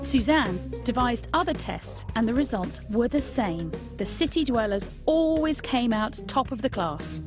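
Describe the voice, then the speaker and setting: A woman's voice: fairly high pitch, lively intonation, unhurried, hardly any pauses. A woman narrating a nature documentary in a scripted presenter's style. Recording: voice-over with music behind. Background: music.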